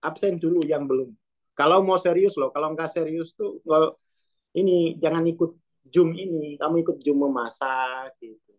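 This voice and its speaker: A man's voice: a little high, normal speed, darkish tone, lo-fi sound. A man giving an informal, rambling self-development lesson over a video call, speaking in a loose, colloquial way.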